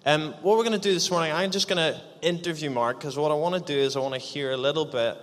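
A man's voice: a little high, fast. A man leading a live church interview, upbeat and encouraging as he prompts his guest with questions. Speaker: church leader hosting an interview. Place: church hall. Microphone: handheld microphone. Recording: echoey church hall.

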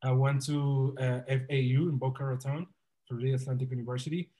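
A man's voice: mid-range voice, flat delivery, fast talker, mellow. A young man from the Republic, telling his story as a podcast guest in an earnest, upbeat, motivational way. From Dominican Republic. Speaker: guest entrepreneur. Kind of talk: casual podcast interview.

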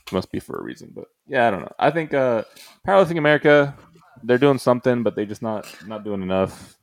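Rambling, animated man chatting. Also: medium pitch, fast, no room sound, clean studio sound. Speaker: podcast host. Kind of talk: casual chat.

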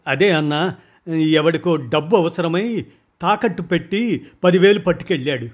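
A man's voice: medium pitch, unhurried, lightly acted. A man voicing a nervous young male underling who answers in a hesitant, placating way.

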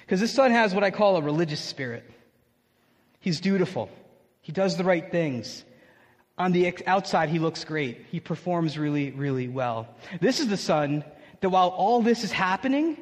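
A man preaching a sermon in a casual, conversational and animated way, recorded in an echoey church. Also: high voice. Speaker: pastor.

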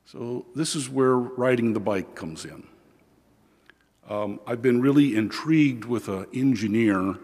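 A man preaching as a priest at church, reading scripture and giving a homily in a measured, deliberate way, with pauses. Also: medium pitch, darkish tone, slightly rough. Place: large church, indoors. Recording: long cathedral echo, large hall.

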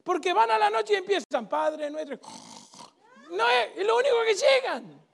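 A man preaching a sermon in a church with a Rioplatense accent, emphatic, swinging between shouts and hushed intensity. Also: very high voice, big pitch swings, brisk, creaky. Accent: Rioplatense Spanish.

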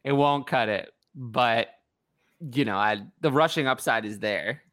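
A man co-hosting a casual sports talk show, chatting in an animated way. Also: medium pitch, unhurried. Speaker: podcast co-host.

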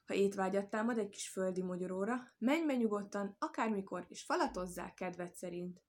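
A woman voicing a cunning, scheming male fox in a storybook tale, speaking in a smooth, coaxing way. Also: mid-range voice, a little mellow, natural voice. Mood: sly coaxing.

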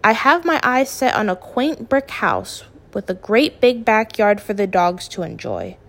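A woman voicing a steady, practical middle-aged father who speaks in a calm, measured and gently firm way. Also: medium pitch, creaky, heavily acted.

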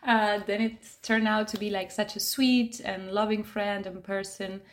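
A woman from Argentina, a yoga teacher, talking in a gentle, reflective way with soft fillers as a podcast guest. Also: medium pitch, steady tone, measured pace. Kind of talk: casual conversational interview.

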